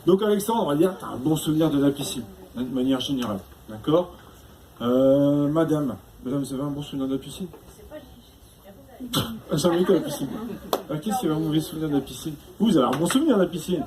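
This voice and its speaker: High-voiced man teasing a live crowd. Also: animated, fast talker, mellow. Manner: chatty, teasing the audience, constant tag questions. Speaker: stand-up comedian. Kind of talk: live stand-up comedy with crowd work. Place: stage before a live audience. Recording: noisy live room.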